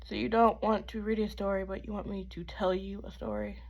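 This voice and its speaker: A woman's voice: mid-range voice, fairly even intonation, a little fast, a little mellow. A young woman improvising a fairy tale aloud, chatty and sassy, with playful asides. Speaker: storyteller. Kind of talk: improvised oral storytelling.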